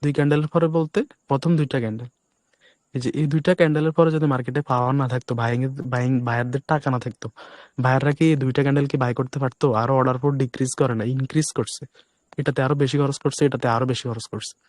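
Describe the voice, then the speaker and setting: A man with a hoarse, breaking voice teaching a live online class, keeping his voice soft to spare it. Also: mid-range voice, steady tone, no room sound. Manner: speaks deliberately softly to spare his voice. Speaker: trading instructor.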